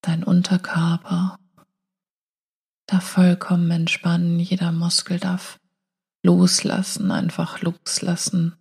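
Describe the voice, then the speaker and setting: A woman guiding a hypnotic meditation in a slow, soothing hypnotist voice, breathy and often falling near a whisper, with long pauses. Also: on the low side, monotone, a little mellow. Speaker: meditation guide and show host.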